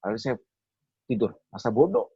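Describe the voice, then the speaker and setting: A man's voice: mid-range voice, big pitch swings, fairly quick, creaky, warm tone, husky, dry recording, muffled recording. A man telling a personal testimony at a webinar, acting out his own past words as he speaks. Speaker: speaker at a theology school webinar.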